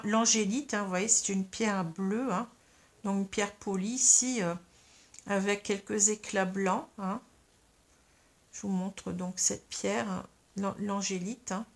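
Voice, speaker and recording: A woman talks her viewers through a tarot spread in an unhurried, patient way. She explains every step, often dropping in small fillers as she lays out cards and stones. Her voice sits at an ordinary middle pitch. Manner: patient, explains step by step, frequent "hein" and "euh". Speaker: tarot card reader. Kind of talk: guided tarot reading to camera.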